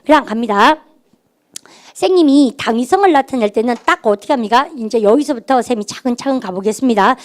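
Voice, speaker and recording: A middle-aged woman teaching an English grammar class, animated and having students repeat phrases after her. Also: a little high, quick pace. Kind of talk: classroom lecture.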